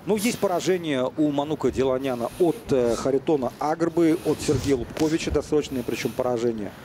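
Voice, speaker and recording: A man's voice: medium pitch, brisk. A man giving live boxing commentary in a conversational, analytical manner. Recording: arena crowd noise behind voice. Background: boxing crowd.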